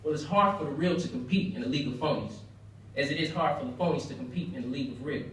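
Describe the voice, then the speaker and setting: An earnest young American man gives a prepared speech in a very echoey room, picked up from a distance. His voice sits a little high, and he speaks emphatically, repeating phrases for effect. There is faint noise behind him. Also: quick pace, a bit bright. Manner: earnest, emphatic, with rhetorical repetition. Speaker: speaker at a banquet. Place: indoor banquet room, heard from far off.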